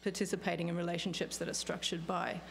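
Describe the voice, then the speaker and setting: Australian woman, lower voice, giving a conference talk. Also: little pitch movement, fast talker, creaky, soft background music. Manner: thoughtful, with many fillers and restarts. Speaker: panelist, law professor. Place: law school lecture hall. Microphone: podium microphone on stand.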